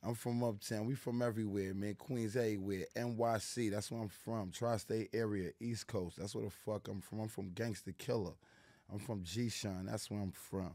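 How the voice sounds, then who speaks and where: A man's voice: on the low side, fairly even intonation, moderate pace, dark tone, dry recording, clean studio sound. A middle-aged man with a New York accent, a guest in a casual interview, talking in a laid-back street manner full of "you know what I'm saying". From New York City. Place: small studio lounge with plants, indoors. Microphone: studio mic on a boom arm.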